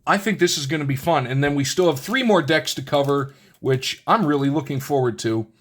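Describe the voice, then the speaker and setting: Male host, slightly high pitch, relaxed chatty card-game commentary. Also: fairly quick. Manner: thinks aloud while reading rules, with many restarts and asides. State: has the hiccups. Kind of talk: casual unboxing commentary.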